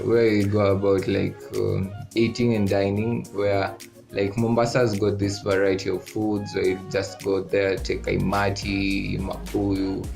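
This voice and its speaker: A young man from Kenya explaining things in a casual chat, measured and a little hesitant. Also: fairly low pitch, gravelly, a little mellow. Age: young adult. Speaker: guest.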